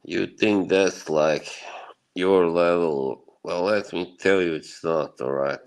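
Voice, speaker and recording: A Bosnian man hosts a livestream, chatting casually with his viewers in a rambling, reassuring way and chuckling often. His voice is deep and steady, and he takes his time. The recording quality is low.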